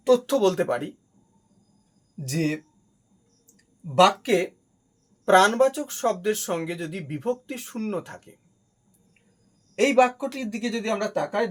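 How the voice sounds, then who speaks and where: High-voiced man teaching grammar patiently. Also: rough recording. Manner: patient, explains step by step and repeats key terms; asks questions and answers them himself. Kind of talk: spoken grammar lesson.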